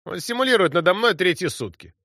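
A man voicing a rough, hot-tempered Cossack soldier who talks in coarse, mocking shouts. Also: high-pitched, sing-song, a little fast, dry recording, clean studio sound, voice pushed up, full character voice.

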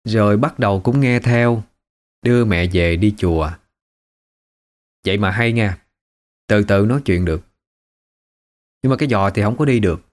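A man's voice: lowish voice, normal speed, pauses often. A man with a Southern Vietnamese accent narrating a first-person family story in a conversational, emotive way.

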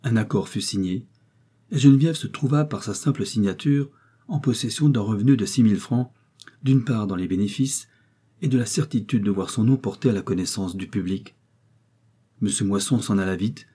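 A man narrating a classic novel as an audiobook in a measured, even way. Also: on the low side, breathy edge.

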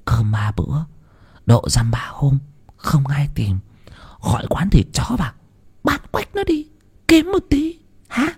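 A man voicing a shrill, stingy old village wife who scolds and schemes. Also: sing-song, measured pace, long pauses, slightly rough, full character voice. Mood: scheming. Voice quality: high, strained, nagging.

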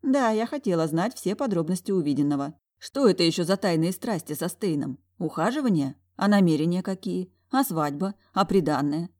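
A woman narrating a first-person fantasy audiobook in a wry, lively storytelling manner. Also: on the low side, fairly quick, few pauses.

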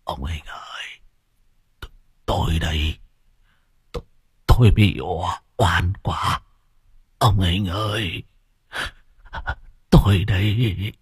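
A man's voice: low voice, slow, pauses often, slightly rough, no room sound, exaggerated voice. A man doing a beaten, whimpering old man. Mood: pitiful. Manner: faint, stammering, whispery.

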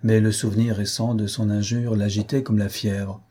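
A man reading a classic novel aloud in measured, steady narration. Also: on the low side, husky. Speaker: audiobook reader.

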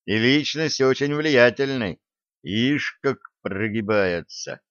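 A man voicing a gruff, irritable male starship captain who speaks in a commanding way. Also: mid-range voice, animated, slow, a bit bright, no room sound. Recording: dry, slightly dull audio.

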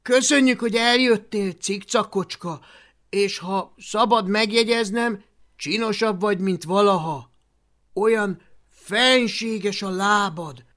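An audiobook reader voicing an eager young viking boy hero who talks loudly and urgently. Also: medium pitch, pitched above the performer's own voice, close to an everyday voice. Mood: flattering. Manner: loud, urgent, flattering.

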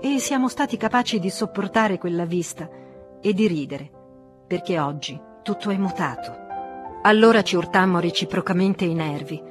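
A serene older master speaks with calm, gentle amusement, as a woman reads him. His delivery is measured and composed, kind rather than stern. An audiobook figure with faint music behind. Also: on the low side, close to an everyday voice. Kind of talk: audiobook reading.

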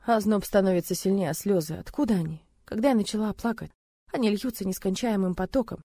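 A woman's voice: mid-range voice, quick pace, warm tone, slightly rough, no echo. A woman giving an intense, dramatic first-person narration of a story. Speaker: audiobook reader.

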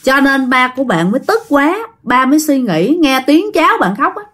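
A woman's voice: high voice, very animated, moderate pace, fairly bright tone. Chatty Southern Vietnamese woman telling a ghost story. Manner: chatty, addresses listeners directly. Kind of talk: casual ghost story narration.

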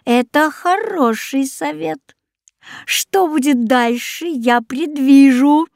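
A woman's voice: high voice, takes it slowly, no echo, studio quality, pitched above the performer's own voice. Woman doing a wise old scheming cat. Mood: knowing. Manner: calm, knowing and decisive.

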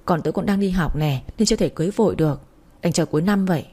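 Chatty boastful student girl, read by a woman, warm breathy voice. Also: fairly low pitch, quick pace. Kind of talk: audiobook reading.

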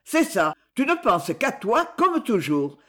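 A woman's voice: medium pitch, very animated, a little slow, a little mellow. A woman voicing a bitter, sulky young man who lashes out at his sister. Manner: sour, accusing.

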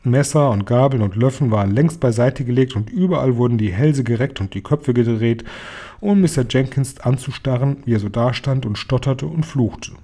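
A man reading a children's story aloud in a steady storytelling manner. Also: mid-range voice, normal speed. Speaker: narrator. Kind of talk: audiobook reading.

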